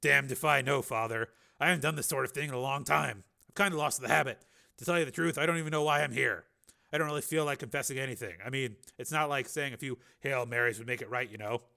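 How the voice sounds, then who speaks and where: A man's voice: mid-range voice, fast, creaky, sharp tone. A man voicing a weary, blunt middle-aged cop in an audiobook reading, with hesitant, dry, self-deprecating delivery. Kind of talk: audiobook dialogue.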